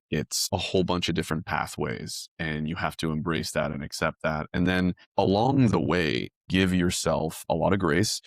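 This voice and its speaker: A man's voice: low voice, gravelly, no room sound, clean studio sound. A man co-hosting a conversational podcast, talking through his points step by step with plenty of fillers. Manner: talks through points in numbered steps, many fillers. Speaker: podcast co-host.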